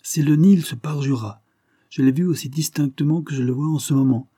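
A man's voice: fairly high pitch, a little fast, mellow, husky, no echo, clean studio sound, pitched above the performer's own voice. A man reading an insistent male accuser. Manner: insistent, emphatic. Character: insistent male accuser swearing to what he saw. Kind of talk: audiobook reading.

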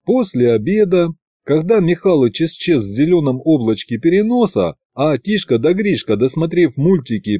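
A man narrating an audiobook in first person with a wry, lively storytelling manner. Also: a little high, dry recording. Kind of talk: scripted narration.

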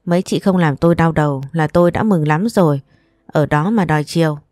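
A sharp-tongued mother and grandmother, put on by a woman reading a family story. The voice sits low and warm, and it is recorded dry and close. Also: a little fast, dry recording, lightly acted. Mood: nagging. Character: scolding middle-aged mother and grandmother.

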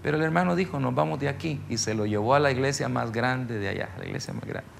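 A middle-aged pastor teaches a ministry seminar in a loose, story-driven sermon style. His voice has a gravelly edge at an ordinary male pitch, and he keeps turning to the listeners to check that they are following. Faint noise sits behind him. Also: animated, fast.

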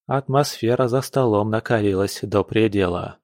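A man reading a story aloud as narrator, in an even, measured way. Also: fairly low pitch, dry recording, studio quality. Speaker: audiobook narrator. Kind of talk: scripted narration.

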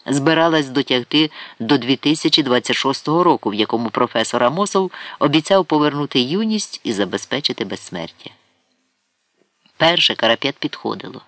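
A man's voice: medium pitch, lively intonation, fairly quick, a bit bright, no echo. Dry, wry male audiobook narrator. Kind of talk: audiobook reading of satirical prose.

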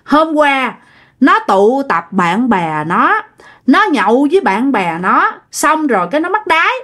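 A woman voicing a miserable, starving old woman ghost who pleads and whines in a thick, husky voice. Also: sits high, sing-song, unhurried, fairly bright tone, voice pushed up, exaggerated voice. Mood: pleading. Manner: whiny, pleading, repeats herself.

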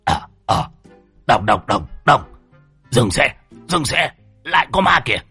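A man's voice: mid-range voice, sing-song, unhurried, pushed and bright, breathy edge, soft background music, full character voice. A man voicing a tipsy old male exorcist who blusters and stammers. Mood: alarmed.

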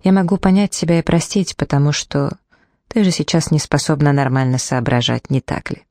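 A woman voicing a guarded, controlling adult sister in an audiobook, speaking calmly with a quiet, cutting condescension. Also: deep voice, a little fast, dry recording, clean studio sound. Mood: condescending. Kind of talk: audiobook character reading.

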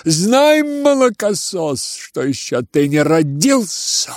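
A furious elderly general booms his grievances in a storybook reading, voiced by a man. Every phrase is drawn out and hurled, the pitch leaping high on the insults. The sound is close and dry, with no room around it. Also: very animated, takes it slowly, no echo, exaggerated voice. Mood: wounded rage. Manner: booming, outraged declamation. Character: raging old retired general, proud and wounded.

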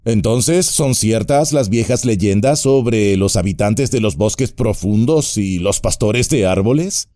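A man's voice: lowish voice, warm tone, dry recording, clean studio sound, pitched above the performer's own voice. A man voicing a grave, earnest male ranger warrior in an audiobook, speaking in a raised, searching tone.

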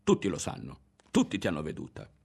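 Man voicing a bullying boy, accusing, husky, deep, storybook reading. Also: huge pitch swings, fast talker, darkish tone, exaggerated voice.

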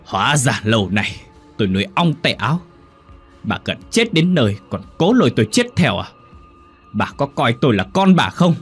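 A man's voice: low-pitched, normal speed, long pauses, slightly rough, soft background music. A man voicing a greedy, cruel middle-aged son who hisses and snarls, in a ghost story. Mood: angry. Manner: snarling, hissing.

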